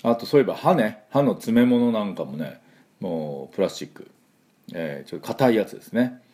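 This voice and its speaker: A man's voice: fairly low pitch, lively intonation, brisk, dark tone. A man teaching English pronunciation as a school principal, with frequent fillers that make him sound hesitant, and he repeats words for his students to copy.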